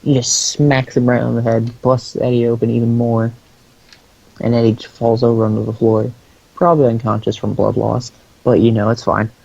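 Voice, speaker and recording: A man's voice: mid-range voice, level tone, moderate pace, vocal fry, darkish tone, slightly rough. A man co-hosting a podcast, recapping in casual comedic chat, rambling with crude jokes and lots of fillers. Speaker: podcast co-host. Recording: dull lo-fi sound.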